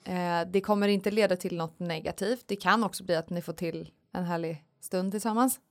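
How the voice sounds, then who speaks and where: A woman co-hosting a podcast in casual chat, lively and rambling with many fillers, on a studio mic. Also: lowish voice. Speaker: podcast co-host.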